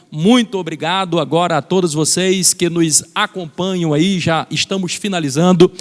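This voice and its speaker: A man teaching a Bible lesson in a fervent preaching style, slowing down on key phrases. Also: on the high side, big-room sound.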